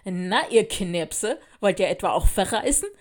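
A woman's voice: mid-range voice, expressive, unhurried, close to an everyday voice. A woman voicing a smug, mocking older schoolgirl bully in a storybook reading. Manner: boastful and mocking.

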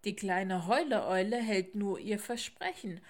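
Woman doing a calm croaking raven. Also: mid-range voice, lightly acted. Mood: calm wise. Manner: croaking and measured. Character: wise, calm old raven. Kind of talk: storybook reading.

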